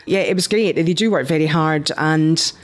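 A Scottish woman in her fifties, a business founder, tells her career story conversationally as an interview guest. Her voice is low-pitched and her speed is normal.

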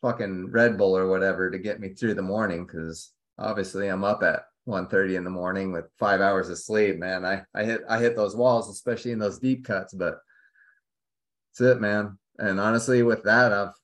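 A man in his forties joins a podcast over a video call and talks loosely, swearing freely and leaning on fillers. His voice sits a little low. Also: fairly even intonation, normal speed, fairly bright tone. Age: 40s. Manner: loose, profane, filler-heavy. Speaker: podcast guest. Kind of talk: casual conversation.

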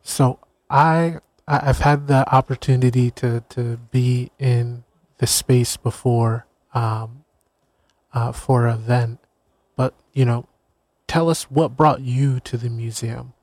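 A man's voice: mid-range voice, steady tone, slow, a little mellow, dry recording. A man hosting a community radio interview show, who often stumbles and affirms his guest with short interjections. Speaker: radio host.

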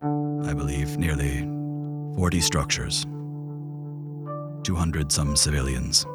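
A man as game master voicing a remorseful male leader, heard as a distant memory voice that draws closer, slow, grave and reflective. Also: very deep voice, over loud music. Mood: somber. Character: remorseful male leader recalling a past decision. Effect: distant memory voice drawing closer.

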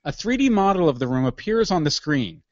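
A man's voice: fairly high pitch, very animated, brisk, no echo, highs cut off. A man narrating scene directions in a matter-of-fact way for an audio drama.

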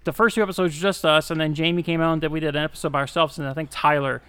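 A man's voice: a little high, steady tone, rapid-fire, sharp tone, clear, resonant tone, no echo. Chatty, laughing male co-host. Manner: rambling, chatty, laughs often. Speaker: podcast co-host. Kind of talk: casual chat.

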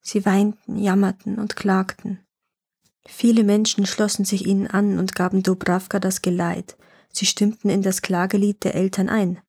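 A woman narrating a fairy-tale legend in a calm, even reading voice. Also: medium pitch, normal speed, breathy edge, no room sound, studio quality.

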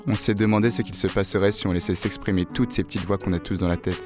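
Deep-voiced man narrating over music. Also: fairly even intonation, fast. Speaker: radio narrator. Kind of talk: scripted narration.

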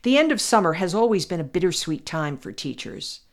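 An older American woman, working as a podcast commentator, reads her own essay aloud in a lowish, sing-song voice. She sounds earnest and measured, leaning hard on her main points.

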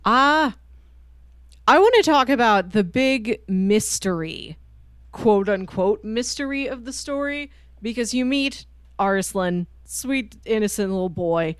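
A woman co-hosting a manga discussion show retells a story chattily during a casual, spoiler-filled book talk, acting out the characters' lines. Her fairly high voice is animated, slow, clear and resonant. The sound is clean studio audio with no room sound.

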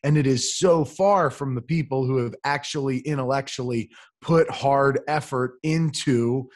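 A man co-hosting a casual political podcast speaks in an ordinary mid-range voice. He explains his points in a measured way, with a few fillers along the way. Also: mid-range voice, a little mellow. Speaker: podcast co-host.

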